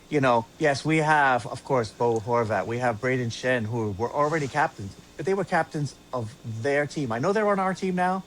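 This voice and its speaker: A man co-hosting a casual sports fan podcast, speaking haltingly with many fillers and repeated words. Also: medium pitch, slight background noise. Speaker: podcast co-host.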